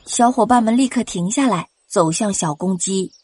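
Gentle woman telling a children's story. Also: medium pitch, normal speed, husky, no room sound. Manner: gentle, addresses children directly. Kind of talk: children's bedtime story narration.

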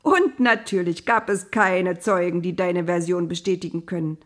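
A woman voicing an old male prison keeper who talks in a gruff, teasing, chatty way in an audio storybook. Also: lowish voice, normal speed, lightly acted. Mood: wry.

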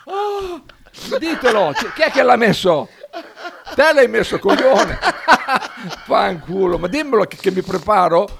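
A man's voice: sits high, very animated, a little slow, gravelly, pauses often, noisy background. A man co-hosting a casual radio show, joking, swearing and laughing often. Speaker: radio co-host.

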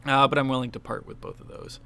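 A man co-hosting a casual video game podcast. His voice is bright and crisp, with a clean, smooth sound. He talks frankly and with enthusiasm, and swears freely in the middle of his opinions. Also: mid-range voice, fast. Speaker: podcast co-host. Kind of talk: casual game-awards discussion.

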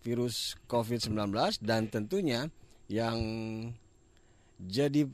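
A man's voice: mid-range voice, takes it slowly. A man presenting and reading education news on the radio. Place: radio studio.

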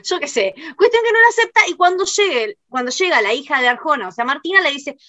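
A young woman with a Rioplatense accent, co-hosting a film podcast and retelling scenes in a fast, exasperated way. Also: sits high, very animated, bright, forceful tone, dry recording, highs cut off. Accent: Rioplatense Spanish. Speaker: podcast co-host. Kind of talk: casual film review chat.

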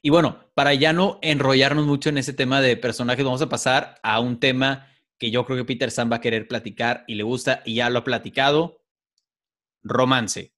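A man's voice: medium pitch, moderate pace. Easygoing man hosting. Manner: relaxed, rambling, leads topics. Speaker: podcast host. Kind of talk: casual chat.

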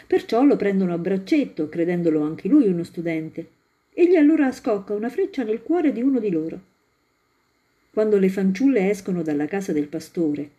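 A woman reading a storybook aloud in a calm, expressive narrating voice. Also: medium pitch.

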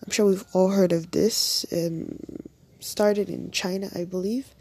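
A woman's voice: medium pitch, steady tone, a little slow, gravelly, a little mellow, breathy edge. A young woman from Nigeria hosting a casual faith-based podcast, chatty and upbeat, with an early-morning voice, talking straight to her listeners. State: early-morning voice, just woken up. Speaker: podcast host.

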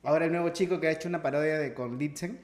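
A young Peruvian man with a Peruvian Spanish accent, chatting casually and telling animated stories, acting out voices and laughing. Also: fairly high pitch, rapid-fire, roomy sound. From Peru. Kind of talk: casual chat.

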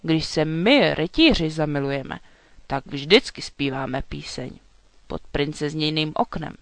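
A storyteller voicing a frightened, boastful young male knight in a children's storybook reading, stammering and shouting in panic. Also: medium pitch, no room sound, voice pushed down, lightly acted. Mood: earnest.

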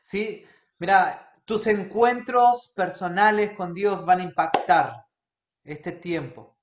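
A man's voice: high voice, slow, muffled recording. A man preaching a sermon as a pastor, earnest and often checking in with his listeners. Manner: earnest, checks in with the congregation by asking "right?" again and again. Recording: echoey room.

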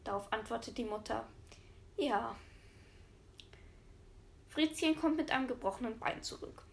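A woman reading out a string of schoolboy jokes in a deliberate storytelling manner. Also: fairly high pitch, vocal fry. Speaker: joke reader.

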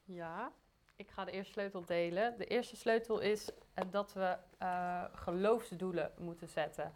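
Hesitant woman with a flat voice. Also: lowish voice, measured pace, slight background noise. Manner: hesitant, many fillers. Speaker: co-preacher. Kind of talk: sermon.

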